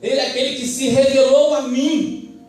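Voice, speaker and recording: A man's voice: very high-pitched, level tone, moderate pace, a little mellow. A man with a Brazilian Portuguese accent preaching a fervent sermon and calling for amens from the congregation. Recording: echoey church hall, mic at a distance.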